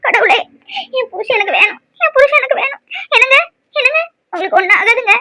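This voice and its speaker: A woman voicing a sharp-tongued, dramatic middle-aged mother in a cartoon, scolding and lamenting. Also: extremely high pitch, animated, quick pace, no room sound, heavily acted. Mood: wailing. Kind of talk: cartoon voice acting.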